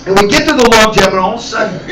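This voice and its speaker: A man performing animated stand-up comedy storytelling in a cafe, acting out characters as he goes. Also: high voice, very fast. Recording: echoey cafe room, distant mic, loud noise.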